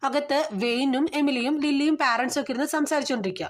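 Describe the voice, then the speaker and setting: A woman with a somewhat high voice recaps a film in casual storytelling. Her delivery is chatty and flowing, chaining scene after scene. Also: quick pace. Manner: chatty retelling, strings events with "then"; grows loud and urgent at tense scenes. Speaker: movie recap narrator.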